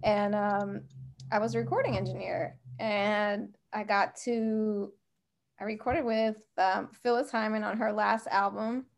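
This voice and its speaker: With vocal fry and a steady, medium-pitched tone, this middle-aged American woman from the West Coast speaks a little slowly. She's a podcast guest sharing informal anecdotes and drifting into conversational asides.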